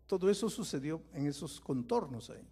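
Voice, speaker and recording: A man, a pastor, preaching a dramatic sermon, moving from quiet storytelling to loud impassioned pleading and putting questions straight to his listeners. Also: fairly high pitch, expressive, brisk, breathy edge. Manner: speaks to listeners directly with questions.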